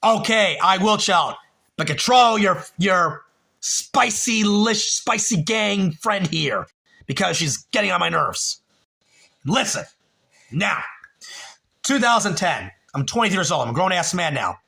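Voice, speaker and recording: A man's voice: sits high, lively intonation, unhurried, vocal fry, sharp tone. A man in his late thirties hosting a livestream, telling a rambling, profane story and talking to chat viewers by name. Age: 30s. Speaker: livestream host.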